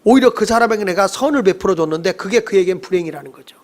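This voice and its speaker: High-voiced Korean male pastor preaching. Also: fast. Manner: lively preaching, leads congregation in reading scripture; acts out quarrels in character voices. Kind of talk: sermon.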